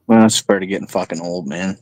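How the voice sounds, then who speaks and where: A man's voice: sits low, steady tone, fast, a little mellow, no room sound, low-quality recording. A man in his late thirties chatting casually, laughing often and swearing freely. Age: 30s. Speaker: chat participant. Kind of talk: casual chat.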